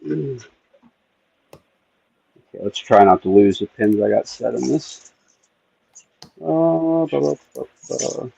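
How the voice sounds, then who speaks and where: A man's voice: mid-range voice, expressive, slow pace, gravelly, long pauses, mellow, breathy edge. A man hosting a casual stream, muttering to himself as he works. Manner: mutters to himself while working. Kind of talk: casual chat while picking. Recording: dull lo-fi stream audio.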